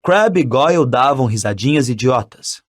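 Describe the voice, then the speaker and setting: Expressive male audiobook narrator. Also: mid-range voice, normal speed. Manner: expressive, dramatic reading.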